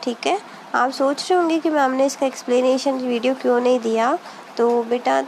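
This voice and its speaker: A woman teacher giving a recorded English lesson to schoolchildren, explaining slowly, mixing Hindi with English terms and repeating words for pronunciation practice. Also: high-pitched, fairly even intonation, darkish tone, slight background noise.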